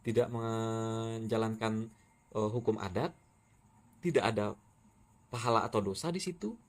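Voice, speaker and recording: In a fairly low voice and at a measured pace, a West Sumatran TikTok creator from Indonesia firmly rebukes and challenges a critic in a heated monologue.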